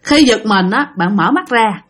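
A woman's voice: medium pitch, lively intonation, a little slow. A woman with a Southern Vietnamese accent telling a ghost story in a chatty, casual way, often speaking directly to listeners.

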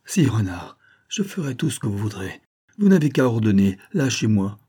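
A man's voice: lowish voice, big pitch swings, moderate pace, mellow, slightly rough. Man doing a weeping, begging miserly peasant. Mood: pleading, tearful. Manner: pleading, tearful.

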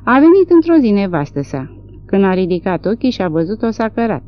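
A woman's voice: mid-range voice, sing-song, pitched above the performer's own voice, close to an everyday voice. A woman reading the part of a chatty rural man who passes on gossip, from a dull lo-fi recording. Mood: gossipy.

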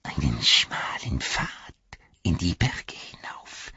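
A man's voice: low voice, wildly swooping pitch, slow pace, a bit bright, no echo, lo-fi sound, heavily acted. A man voicing the wretched creature Gollum in an audiobook, sly and cringing, speaking of himself in the third person. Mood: secretive whisper. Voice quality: hissing, gravelly whisper. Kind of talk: audiobook character voice.

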